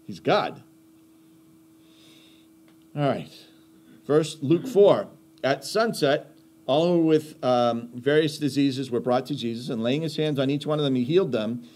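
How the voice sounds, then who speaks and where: A man's voice: mid-range voice, a little slow, long pauses, a little mellow. A man gives a conversational sermon with a mid-range voice. He stresses his points hard, poses rhetorical questions and circles back to repeat key lines. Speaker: Bible teacher.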